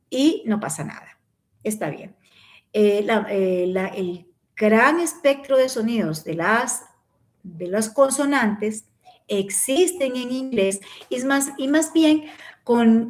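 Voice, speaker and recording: A woman giving a live-stream Spanish lesson, explaining and demonstrating pronunciation by slowly repeating words. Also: fairly high pitch, a little mellow. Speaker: Spanish teacher.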